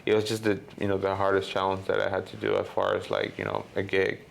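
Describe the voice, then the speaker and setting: Low, gravelly man telling his story. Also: very animated, quick pace, a little hiss or hum. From Honduras. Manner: rambling, lots of "you know" and "like" fillers. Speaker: guest filmmaker. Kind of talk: casual interview.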